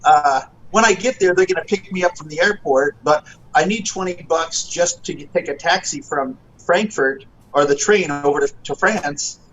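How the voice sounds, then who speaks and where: A middle-aged man telling his story in a relaxed chat over a video call, his voice a little higher than most men's, with quoted lines acted out and plenty of "uh" and "um". A faint hiss runs under his voice. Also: normal speed, lo-fi sound. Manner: animated, acts out quotes, frequent fillers. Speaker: guest guitarist.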